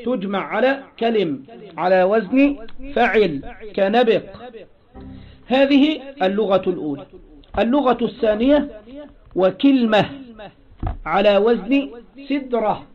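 A man's voice: sits high, lo-fi sound. A man with an Egyptian accent teaching classical Arabic grammar, explaining step by step and asking rhetorical questions to his students.

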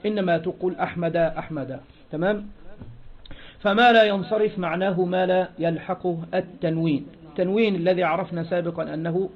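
A high-pitched man lecturing on grammar over a dull, lo-fi recording. He poses questions to the class and answers them himself, repeating each point. He reads quoted passages louder and more slowly. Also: fairly even intonation. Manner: asks rhetorical questions and answers them, repeats key phrases. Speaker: Arabic grammar teacher. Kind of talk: classroom lecture explaining a text.

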